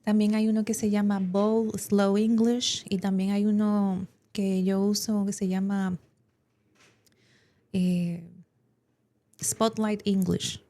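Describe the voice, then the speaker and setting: Dominican woman explaining at a steady pitch. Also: slow pace, long pauses. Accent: Dominican Spanish. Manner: explanatory, uses many examples and fillers. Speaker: English teacher. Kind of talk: explaining in an educational podcast.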